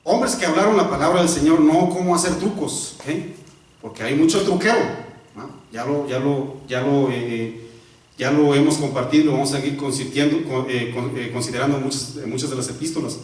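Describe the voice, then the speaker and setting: A male pastor preaches in a very echoey church hall, recorded from a distance. His mid-range voice is steady, brisk, and a little mellow, and he poses rhetorical questions, stops to correct himself, and repeats words for emphasis.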